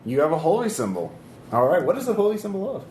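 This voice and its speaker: A man with a very animated voice runs a tabletop game as game master. He narrates casually and jokes with profanity, recorded in a roomy space with clear background noise. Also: high-pitched, fast. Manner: profane, jokey.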